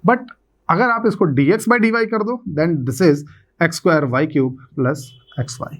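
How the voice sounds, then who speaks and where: A man's voice: a little high, measured pace, a bit bright. A man with an Indian accent teaching a math lecture, switching between Hindi and English, working through each step and checking in with his students. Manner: explains step by step, checks in with "right?" and "है ना?".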